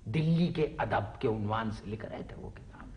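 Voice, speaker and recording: A man's voice: fairly low pitch, lively intonation, normal speed, a little mellow, slight background noise, close to an everyday voice. An actor playing a pompous middle-aged father and writer who talks in a flowery, theatrical way full of exclamations. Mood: boastful. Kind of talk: TV drama acting.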